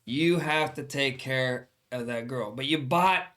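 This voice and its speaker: A man's voice: mid-range voice, a little slow, fairly bright tone. An older man hosting a casual comedy advice chat, talking like a grumpy old man in a blunt, mock-stern way. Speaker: podcast host giving advice as a grumpy grandpa.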